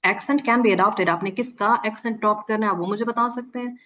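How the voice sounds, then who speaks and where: Lady teacher on a video call, patient explaining, mid pitch, flips between urdu and english. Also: moderate pace, a bit bright, rough recording. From Pakistan. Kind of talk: online orientation class.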